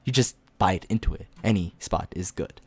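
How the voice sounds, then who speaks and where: A woman's voice: rumbling low, normal speed, darkish tone, husky. A woman streamer reading a visual novel aloud and making wry, stammering asides.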